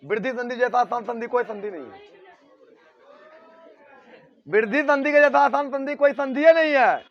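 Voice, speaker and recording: A man's voice: very high-pitched, normal speed, long pauses, muffled recording. A man teaching a grammar lesson at a board, repeating key words and often checking whether his students understand.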